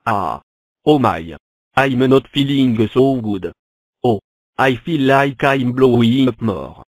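A man voicing a worried cartoon number-block creature with stilted, halting exclamations. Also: mid-range voice, no room sound. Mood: alarmed, worried. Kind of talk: fan animation character monologue.

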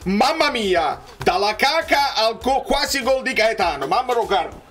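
Excitable man reacting to football. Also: very high voice, unhurried. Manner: excitable, swings from muttering to shouting at plays. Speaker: football channel host reacting to a match. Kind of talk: live match reaction.

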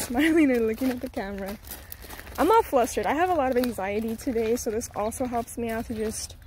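A young woman talks casually into a camera mic outdoors in a garden, a little out of breath and flustered. Her voice sits a touch high, and a faint outdoor hiss stays under her chatter. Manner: chatty, slightly flustered, switches to high sing-song when coaxing her toddler. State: a bit out of breath. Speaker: vlogger and mother. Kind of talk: casual outdoor vlog with tips.

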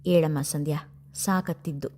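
A woman voicing a tender, motherly middle-aged woman who speaks gently and soothingly. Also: sits low, fairly even intonation, normal speed, a little hiss or hum, close to an everyday voice. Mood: caring.

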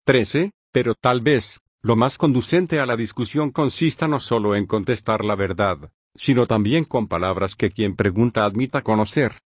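Husky-voiced Socrates, read by a man. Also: mid-range voice, dry recording, highs cut off, natural voice. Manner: measured, even reading with long reasoned questions. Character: Socrates, older male philosopher, patient questioner. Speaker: audiobook reader. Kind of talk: scripted audiobook reading of a philosophical dialogue.

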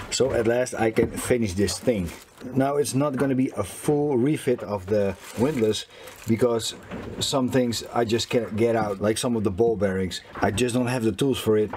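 A Dutch man in his fifties talks through hands-on repair work in a casual vlog style. His English is a second language, with halts as he translates in his head, at a medium pitch. There is some noise and clicking behind him in a small cabin. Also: darkish tone. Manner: halting non-native English, searching for words as if translating. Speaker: sailing vlogger. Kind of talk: casual DIY repair explanation. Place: small boat cabin interior.

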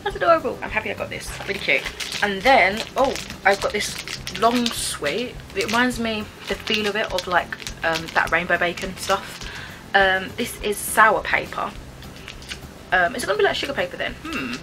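A woman's voice: medium pitch, expressive, moderate pace, over music, rough recording. A British woman in her twenties giving casual, chatty taste-test commentary, thinking aloud with some hesitation. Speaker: vlogger reviewing snacks. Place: small bedroom, indoors.

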